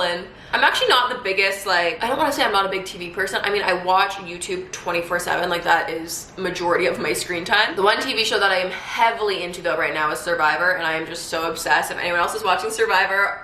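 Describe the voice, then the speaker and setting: A woman's voice: on the low side, sharp tone. A young woman in her twenties chatting casually through a makeup tutorial at home, upbeat and full of fillers. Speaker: beauty vlogger. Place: home room during quarantine. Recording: echoey room, faint noise.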